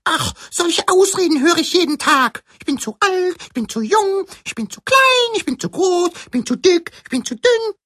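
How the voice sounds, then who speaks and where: An eager, chirpy young cuckoo from a storybook, played by a woman. The voice sits very high and bounces all over the place. It sounds dry and close. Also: sing-song, dry recording. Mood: cheerful, lively. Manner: chirpy, quick to cheer others up. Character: eager young male cuckoo learning to fly. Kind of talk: audiobook character voice.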